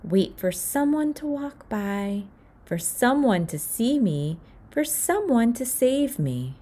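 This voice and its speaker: Slow, expressive woman reading aloud. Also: fairly high pitch. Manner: expressive, with acted sound effects. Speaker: storytime reader. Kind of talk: reading a picture book aloud.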